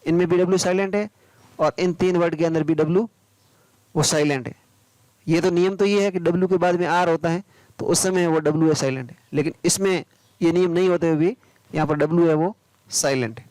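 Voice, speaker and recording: A man, teaching English pronunciation, spelling out words letter by letter and then explaining them slowly. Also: fairly high pitch, fairly even intonation, a little mellow, no room sound, low-quality recording. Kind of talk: pronunciation lesson.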